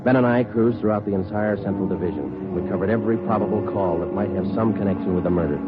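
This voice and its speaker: This is a low, quick, natural-sounding American man voicing a terse police sergeant and narrator in a 1950s radio play. He's dogged and clipped, all business. Music plays beneath the muffled vintage audio.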